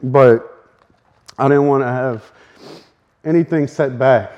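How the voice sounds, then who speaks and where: With dull audio, a man in a mid-range voice preaches earnestly, his sermon aimed at teaching. There's some strain in his voice, his pace surges in bursts, and soft laughs slip in.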